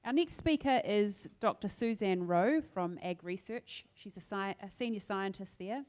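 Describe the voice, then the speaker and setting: Woman, mid-range pitch, conference chair, announcing and introducing. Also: a little slow, darkish tone. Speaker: session chair. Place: indoor conference venue.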